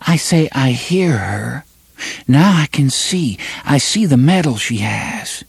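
A man voicing an entranced young woman in an audiobook, speaking in a faint, dreamy, slow way. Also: mid-range voice, expressive, gravelly, husky, no room sound, voice pushed up, full character voice. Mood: dreaming.

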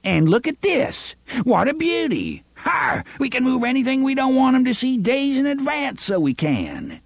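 A man's voice: a little high, huge pitch swings, unhurried, vocal fry, husky, dry recording, voice pushed up, full character voice. A man voicing a gloating, cackling middle-aged sheriff with a folksy drawl.

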